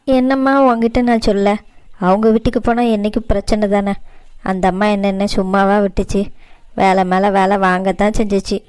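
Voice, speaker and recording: A woman's voice: mid-range voice, flat delivery, fairly quick, darkish tone, clean tone, lightly acted. A woman voicing a hardworking middle-aged mother in a cartoon, tired and resigned but tender toward her daughter. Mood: weary. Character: weary hardworking mother, a housemaid. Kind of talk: cartoon voice acting.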